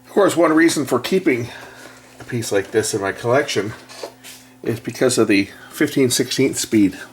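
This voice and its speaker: Speaking at normal speed with medium pitch and an expressive delivery, this electronics repair technician and video host shows a repair hands-on. His tone is casual and matter-of-fact, and there's a slight hiss or hum.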